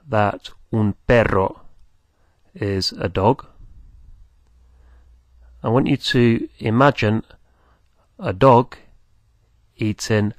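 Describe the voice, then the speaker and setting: A man teaching beginners, speaking slowly and patiently, repeating words for the listener to copy. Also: lowish voice, no room sound. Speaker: language teacher. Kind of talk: slow, patient teaching with pauses.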